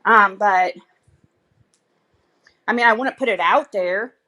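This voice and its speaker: A woman's voice: medium pitch, slow, sharp tone. A woman chatting casually and bluntly to viewers on a livestream, rambling in a gossipy, sweary way.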